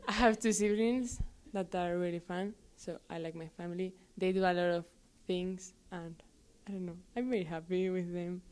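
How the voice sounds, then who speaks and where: Teen exchange student girl from northern Spain, lower pitch, giggly and hesitant. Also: fairly even intonation, moderate pace, few pauses, darkish tone. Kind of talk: casual interview answers.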